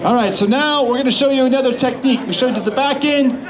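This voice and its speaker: A man's voice: very high-pitched, fast. A man presenting a live demonstration to a crowd as an instructor, with a jokey, showman-like manner. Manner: showman-like, jokey, addresses the audience. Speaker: motorcycle instructor and demonstration host. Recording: live event with crowd behind.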